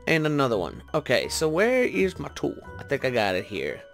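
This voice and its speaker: Over background music, a male gaming video host thinks aloud in casual commentary, often questioning his own choices. He has a mid-range voice with wildly swooping pitch and speaks at a moderate pace.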